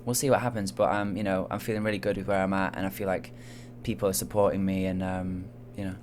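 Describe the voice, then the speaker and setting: A man's voice: sits low, little pitch movement, fast talker, a little hiss or hum. A young man with a Manchester accent, a soul singer talking in a casual interview, hesitant and full of fillers. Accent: Manchester English. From England. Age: young adult. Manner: soft-spoken, hesitant, lots of fillers.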